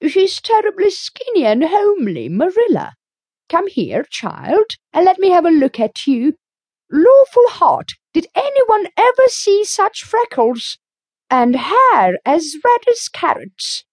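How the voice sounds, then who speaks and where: A woman's voice: very high-pitched, big pitch swings, slow, no room sound, voice pushed up, full character voice. A woman voicing an outspoken, disapproving older woman neighbor in a storybook reading, emphatic and blunt. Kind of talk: audiobook character reading.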